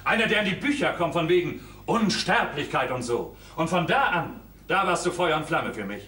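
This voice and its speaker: An actor playing an exasperated, blustering young lodger in a stage comedy, heard from afar on an echoey stage. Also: male voice, on the high side, sing-song, normal speed, pushed and bright, far from the mic. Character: exasperated young lodger trying to end an affair. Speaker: Fred, furnished-room lodger.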